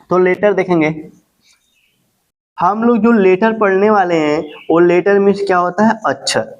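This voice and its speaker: A man teaching an English grammar lesson, asking questions and answering them himself, and slowly dictating English definitions. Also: sits high, rough recording.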